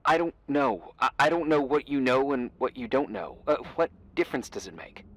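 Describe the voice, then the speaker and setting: An actor playing a calm, cryptic official who speaks in a soft, measured way in video game dialogue. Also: male voice, medium pitch, no room sound.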